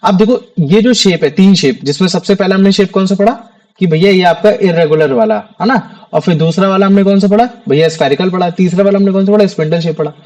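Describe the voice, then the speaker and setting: A man's voice: sits high, quick pace, darkish tone, low-quality recording. A young man teaching a science class in a casual way, often repeating key terms as questions to his students.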